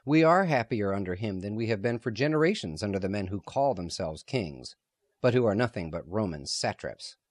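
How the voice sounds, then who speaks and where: Guy reading as stern old rabbi, hot and defiant, lowish voice. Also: expressive, moderate pace, no echo. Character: stern elderly male rabbi, proud and defiant.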